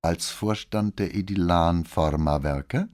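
A man voicing a calm, probing male police commissioner in an audiobook. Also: deep voice. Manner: calm, measured questioning.

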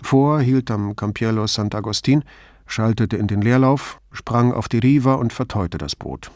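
A man narrating an audiobook in a calm, even storytelling manner. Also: lowish voice, normal speed, no room sound, clean studio sound. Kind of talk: scripted narration.

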